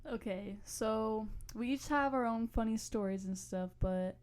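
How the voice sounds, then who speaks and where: A woman's voice: a little high, a little slow, a little mellow. Young woman telling rambling casual stories. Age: young adult. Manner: rambling, slangy, loses her thread. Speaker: podcast co-host. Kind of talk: casual storytelling chat.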